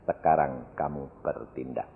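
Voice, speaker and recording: A soft, measured Jesus who calmly calls people to him, with a Javanese accent, as a man quotes him. The voice is lower and quieter than the preacher's own, on a dull lo-fi recording. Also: creaky, a little hiss or hum, exaggerated voice. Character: calm, gently inviting Jesus, male.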